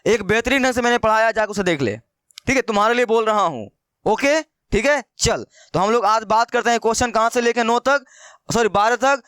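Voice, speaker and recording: A man's voice: high voice, animated, fairly quick, fairly bright tone, clear, resonant tone, dry recording, clean studio sound. A man teaching maths in a casual, chatty way, repeating questions to his students and calling them brother. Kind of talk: casual Hindi maths lesson.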